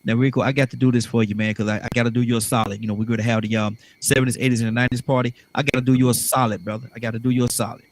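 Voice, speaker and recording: A man's voice: mid-range voice, little pitch movement, rapid-fire, hardly any pauses. A man hosting casual radio talk, repeating his phrases for emphasis. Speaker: radio show host.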